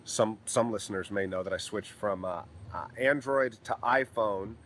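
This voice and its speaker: A man hosting a casual podcast, a stand-up comic who talks in a relaxed way with lots of "uh" fillers. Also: on the low side, normal speed, a little hiss or hum.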